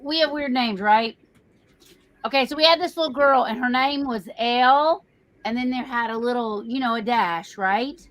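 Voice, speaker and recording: A woman's voice: a little high, normal speed, dry recording. A woman who works as a teacher, co-hosting a casual live-stream chat and telling funny stories with playful disbelief. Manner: animated storyteller, playful disbelief.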